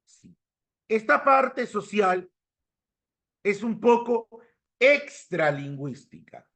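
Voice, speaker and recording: Male teacher, high voice, very animated, unhurried delivery, keeps checking on the class. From Peru. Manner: asks the class for confirmation, mimics regional accents. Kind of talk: lively classroom lecture.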